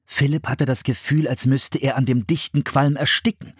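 A man narrating a children's adventure audiobook in a steady storytelling manner. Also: medium pitch, moderate pace, breathy edge, dry recording, studio quality.

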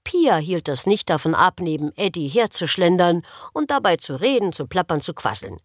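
A woman with a lower voice narrates a children's audiobook expressively at a normal pace, recorded with clean studio sound and no echo.

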